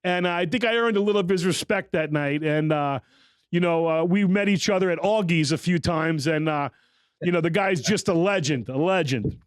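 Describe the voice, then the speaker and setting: A man's voice: fairly high pitch, normal speed, clean tone, no echo. A man hosting a casual podcast interview, telling stories with lots of fillers. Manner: rambling storyteller, many fillers. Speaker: podcast host.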